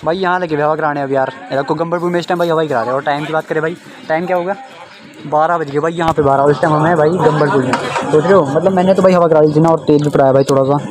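Out on mountain roads and trails, this young-adult vlogger talks very fast in a fairly even, high-ish voice, chatty and forever addressing viewers as brother. Wind and traffic noise come through on his phone or helmet-camera recording.

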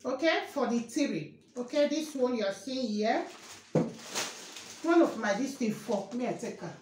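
A vlogger in her thirties shows off her grocery haul in her kitchen, speaking slowly in a high, expressive and slightly mellow voice. She goes through each item, repeats every price and keeps asking viewers if they can see what she's holding up. The indoor room sounds roomy and echoey, with a faint hiss beneath.

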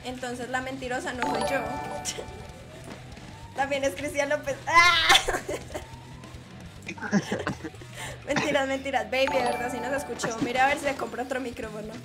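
High-pitched lady streamer teasing her chat, music in the background. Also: steady tone, a little slow, pauses often. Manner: playful, teasing, chatty with viewers. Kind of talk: live game stream chat.

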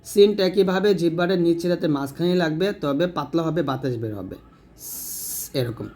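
Higher-voiced man teaching letter sounds. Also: darkish tone. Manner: explains slowly, models each letter sound, repeats it. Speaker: Quran recitation teacher. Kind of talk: step-by-step pronunciation lesson.

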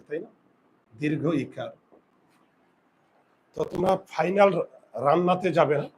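Male teacher, high voice, quizzes students and repeats words slowly, faint background noise. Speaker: Bengali grammar teacher. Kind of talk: classroom lesson.

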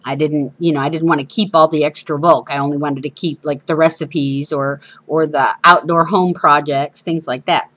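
A woman's voice: low voice, steady tone, normal speed, few pauses, fairly bright tone. A woman with whistling sibilants from missing front teeth, hosting a casual, chatty craft demonstration with informal, self-deprecating asides. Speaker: craft show host. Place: indoors at a craft table.

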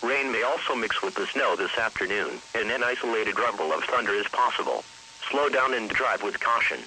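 Acting as a radio announcer, a synthetic male text-to-speech voice reads a scripted weather bulletin in a formal, impersonal manner. The voice is fairly low-pitched, fairly quick, and sharp in tone, and the low-quality recording comes from a hissy weather radio broadcast.

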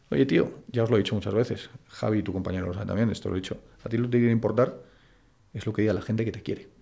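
A man's voice: medium pitch, creaky, mellow. A man from Spain with a Madrid accent, a guest in an interview, talking bluntly and colloquially. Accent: Spanish from Madrid. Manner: blunt, colloquial, full of "tío" and "macho". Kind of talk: casual interview chat.

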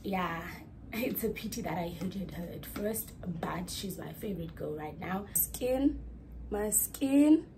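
Animated yet slow, this young adult woman has a medium-pitched, dark-toned voice with vocal fry. She's a student vlogger chatting casually to her phone camera at arm's length in a small dorm room, rambling and correcting herself. A little hiss or hum sits under the recording.

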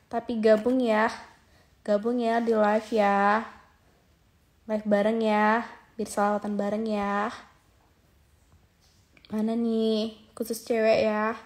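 Slow-talking young woman. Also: on the high side, little pitch movement. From Aceh, Indonesia. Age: 20s. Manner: chatty, reads viewer comments aloud and coaxes viewers to join. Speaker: live streamer. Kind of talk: casual live-stream chat. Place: indoors, lying on a bed. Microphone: phone held at arm's length.

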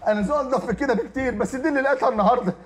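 An actor playing a sly, loud, pleading drug-dealing brother-in-law, in an Egyptian accent. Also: male voice, very high-pitched, very fast. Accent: Egyptian Arabic. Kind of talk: TV drama acting.

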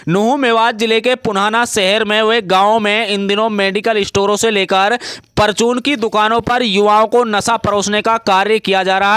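High, clear man reading a news report. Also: fairly bright tone, dry recording, studio quality. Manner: formal read-out report. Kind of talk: scripted news narration.

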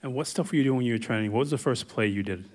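A man's voice: medium pitch, racing, a little mellow. A man interviewing a guest on a festival stage with a handheld mic, asking playful, teasing questions. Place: large festival stage before an audience.

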